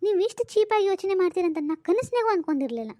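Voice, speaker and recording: A sharp, indignant young office woman in a cartoon comedy, speaking with a North Karnataka Kannada accent. The voice is very high and brisk, with a scolding edge. It is recorded close and dry. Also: very animated, no echo.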